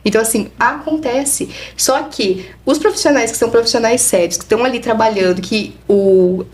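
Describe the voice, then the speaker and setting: A woman psychologist chatting casually on a podcast, acting out her talks with patients. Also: a little high. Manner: fast, animated, acts out dialogue with patients.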